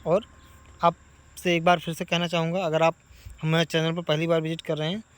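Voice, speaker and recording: A man teaching a grammar lesson for exam preparation, asking questions and answering them himself, stretching sounds out slowly. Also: on the high side, level tone, smooth. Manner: stretches sounds out slowly when demonstrating vowels.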